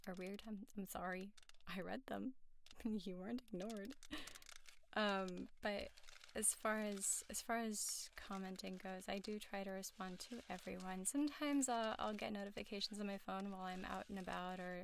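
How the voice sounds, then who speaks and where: A woman in her thirties speaks in a soft, drifting ASMR voice, trailing off and restarting as she goes. Her voice sits at a middle pitch with a lot of gravelly vocal fry, and some lines slip down into a whisper. A faint hiss sits under the recording. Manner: soft, rambling, halting with restarts. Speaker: ASMR creator. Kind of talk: soft-spoken ASMR ramble. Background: tapping and rainstick sounds.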